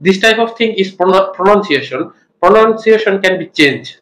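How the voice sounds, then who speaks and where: A young Bangladeshi student answers in very slow, halting English, pausing often to find words. His voice is slightly high. The classroom sound is echoey. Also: animated, fairly bright tone. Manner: halting English with pauses, occasional coughs.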